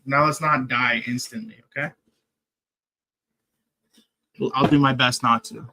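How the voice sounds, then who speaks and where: A man's voice: medium pitch, fairly even intonation, a little slow, bright, forceful tone. A young man streaming a game, chatting casually and thinking aloud as he plays. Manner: rambling, thinks aloud while playing. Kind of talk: casual gaming stream chat.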